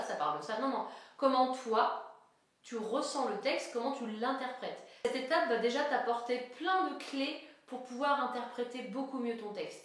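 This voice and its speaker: Woman, singing teacher, high-pitched voice, step-by-step explaining, very echoey room. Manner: clear step-by-step explaining, addresses viewer as tu. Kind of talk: online singing lesson.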